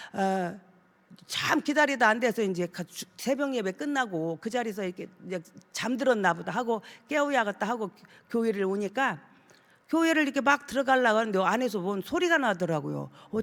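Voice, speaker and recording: A woman associate pastor preaching a fervent sermon with a personal testimony, declaring and shouting with emphasis. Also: on the high side. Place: church sanctuary. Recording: long reverb of a church hall.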